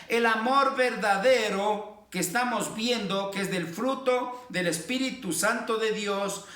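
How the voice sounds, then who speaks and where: A man's voice: high-pitched, pushed and bright, reverberant, far from the mic. A man preaching a sermon as pastor, speaking with fervent emphasis and often calling out to his listeners as brothers. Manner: preaching with fervent emphasis and repeated "amados hermanos".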